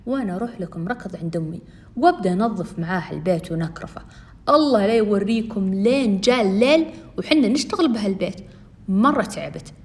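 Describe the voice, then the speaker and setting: Rapid-fire young woman. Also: medium pitch, expressive. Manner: chatty, addresses listeners directly. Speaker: storyteller. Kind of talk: first-person storytime narration.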